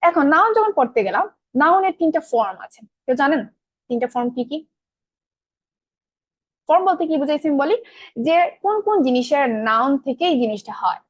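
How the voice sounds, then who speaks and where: Female online grammar teacher, young, rapid-fire delivery, quizzing her class, dry close mic. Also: high-pitched, expressive, no room sound. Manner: asks the class questions and answers them herself; colloquial, mixes in English terms.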